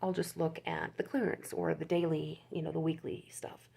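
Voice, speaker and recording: A woman's voice: deep voice, little pitch movement, normal speed, vocal fry, warm tone, breathy edge. An older woman, a crochet YouTuber, chatting casually and rambling as she shows off her work. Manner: rambling, chatty, restarts and laughs. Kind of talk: casual show-and-tell chat.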